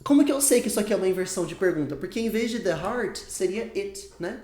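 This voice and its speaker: A man with a high, expressive, darkish voice teaches English in an online lesson. He is emphatic and repetitive, saying example phrases slowly, and the sound is roomy.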